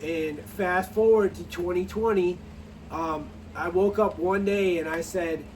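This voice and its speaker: Middle-aged farmer guy rambling his story, kinda high voice, mic a bit far off, faint hum behind. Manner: rambling, halting, many restarts and fillers; dry sarcasm. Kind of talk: casual personal story to camera.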